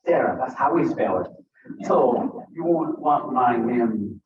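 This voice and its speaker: Speaking slowly with lively intonation, a Ugandan man with a mid-range voice addresses a bookstore audience as an author, joking between stories. English isn't his first language, and the roomy, distant, dull recording has a noisy background.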